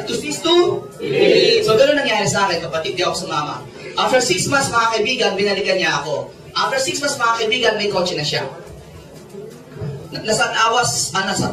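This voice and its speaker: A Filipino-accented man in his forties, a network marketing mentor, tells animated stories in Taglish to a large seminar audience, joking with the crowd. His voice sits high. The hall is echoey, the mic is distant, and the crowd is loud.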